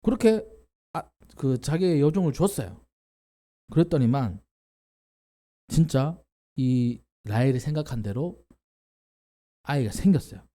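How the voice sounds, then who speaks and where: Animated pastor with a lively, mellow voice. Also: male voice, medium pitch, unhurried, long pauses. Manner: animated storytelling, acts out quoted characters, asks the congregation questions. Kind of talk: Bible teaching sermon. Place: church.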